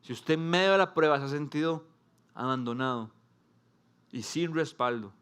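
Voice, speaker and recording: A male pastor delivers a sermon before a congregation in a fairly high-pitched voice. He speaks in short, emphatic phrases with dramatic pauses, and at times builds into animated storytelling. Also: clean tone. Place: church service before a congregation.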